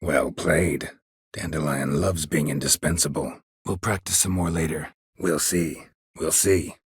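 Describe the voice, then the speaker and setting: Dry and guarded in mood, this full character voice comes from a man playing a video game's world-weary, sarcastic monster hunter. He speaks unhurriedly in a low, husky, gravelly American voice, clipped and deadpan, on a dry recording.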